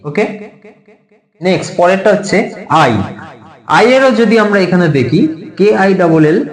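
High-voiced man teaching in an echoey room. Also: expressive. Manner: explains slowly, spelling words letter by letter; repeats each point many times. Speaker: English teacher. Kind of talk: casual video lesson.

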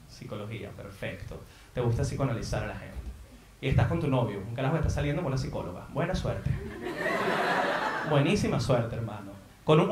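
A man's voice: on the high side, echoey room, background noise. A man with a Venezuelan accent doing playful, teasing crowd work on a theater stage. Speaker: stand-up comedian. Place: theater in Madrid.

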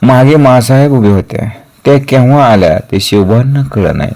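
A man reading a historical novel aloud in a steady, earnest storytelling manner. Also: medium pitch, normal speed.

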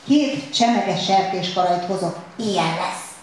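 A woman's voice: lowish voice, close to an everyday voice. A cheerful waiter speaks with easy, polite confidence, as a woman reads him aloud. His lines echo strongly around the room, with faint noise behind. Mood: breezy confident. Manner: breezy, confident, cool politeness. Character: cheerful, self-assured male waiter. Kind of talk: read-aloud story. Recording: very echoey room, faint ambience.

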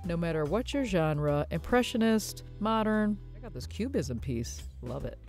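A woman's voice: on the low side, animated, unhurried. A woman narrating a shopping vlog about antiques and home decor in an enthusiastic, gushing way. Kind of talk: casual shopping vlog voice-over. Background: soft guitar music.

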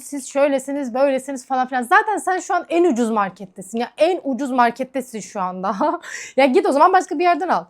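Woman vlogger, casual makeup chat, rapid talk, slightly high voice, heated and frank. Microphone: camera mic.

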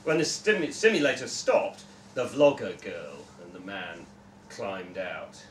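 A young man narrates a short story live to a room at a literary festival, speaking in a low, animated, fairly bright voice without hurrying. Recorded indoors from several metres by a distant camera mic, the sound has a roomy echo and faint noise.

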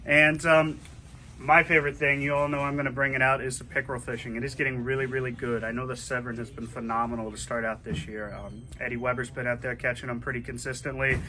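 A middle-aged man hosting a casual fishing report inside a tackle shop, chatty and relaxed as he gives tips. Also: mid-range voice, fast talker. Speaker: fishing shop host giving the weekly report. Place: inside a tackle shop, amid glass display cases.

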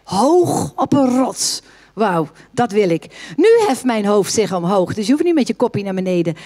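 A woman pastor preaching a sermon, quoting scripture with lively, sudden high exclamations. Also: moderate pace. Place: church hall.

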